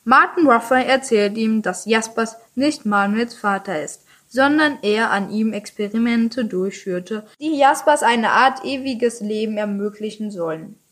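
A teenage girl reading a scripted plot summary in a steady manner. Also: fairly high pitch, a little slow, hardly any pauses. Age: teens. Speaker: student presenter.

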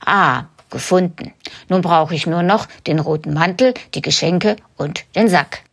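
A woman doing a slow, kindly old St. Nicholas. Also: lowish voice, creaky. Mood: searching. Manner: slow and measured. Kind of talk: storybook reading.

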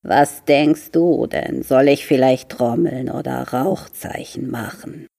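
Woman putting on a hoarse grumpy pet turtle. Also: rumbling low, takes it slowly, warm tone, full character voice. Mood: grumpy impatient. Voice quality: hoarse, hissing. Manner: impatient, sarcastic.

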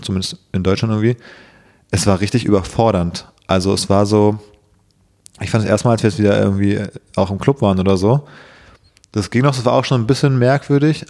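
Slightly hoarse and a little mellow, this young man's lowish voice drifts through casual podcast chatter as a co-host, full of fillers and rambling.

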